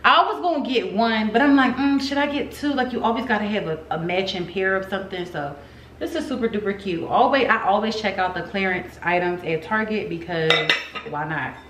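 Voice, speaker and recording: A woman vlogger chatting casually to her viewers in slangy, informal speech with drawn-out emphatic words. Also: mid-range voice, fairly bright tone. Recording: roomy echo, some background noise.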